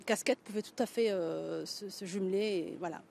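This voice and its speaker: A woman's voice: mid-range voice, a little fast, vocal fry, a little mellow, slight background noise. A middle-aged Belgian woman, a writer and local candidate, answering interview questions thoughtfully with many hesitations and restarts.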